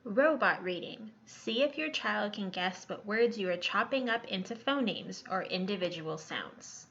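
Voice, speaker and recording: A woman reading scripted voice-over narration in a clear, instructive tone. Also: mid-range voice, animated, unhurried, fairly bright tone. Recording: slightly dull lo-fi recording.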